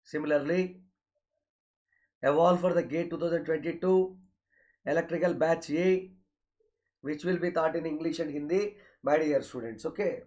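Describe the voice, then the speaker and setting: A slightly high voice with a darkish tone, moderate pace, and long pauses belongs to a South Indian-accented online coaching teacher. He announces courses and schedules over and over, directly addressing his students with filler okays.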